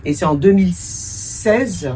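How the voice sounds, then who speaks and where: Her voice is lowish and mellow, animated yet slow, picked up by a distant mic with slight background noise. She is a woman in her forties, raised in France, answering interview questions as a cultural entrepreneur and producer, reflective and hesitant, with occasional English words.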